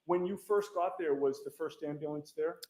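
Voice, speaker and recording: A man with a fairly high, slightly mellow voice speaks at a normal pace, cross-examining a witness as defense attorney. He fires off pointed leading questions that each end in "correct?", and the courtroom's echo is audible in the recording.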